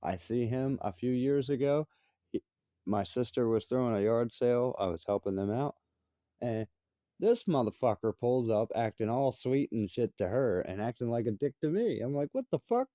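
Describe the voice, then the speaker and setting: A man's voice: medium pitch, normal speed, mellow, dry recording. A man in his thirties giving an angry, profane personal rant. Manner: profane, confrontational, heated. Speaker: vlogger.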